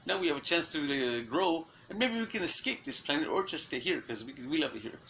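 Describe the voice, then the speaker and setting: A man's voice: fairly high pitch, sing-song, a little fast, sharp tone, a little hiss or hum, poor audio. A man in an unscripted monologue, rambling through restarts and fillers and swearing often. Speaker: self-styled messenger giving a prophecy.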